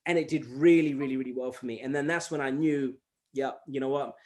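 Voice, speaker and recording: A hip-hop artist who grew up speaking Gujarati tells stories animatedly in a casual interview, acting out quoted exchanges. He talks briskly at a medium pitch, with frequent fillers and restarts.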